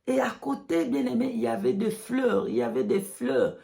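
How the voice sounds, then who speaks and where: A woman's voice: a little high, very animated, normal speed, vocal fry, mellow. A woman giving religious testimony in broken, non-native French, mixing in English words and repeating phrases emphatically. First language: not French. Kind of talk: religious testimony addressed to followers.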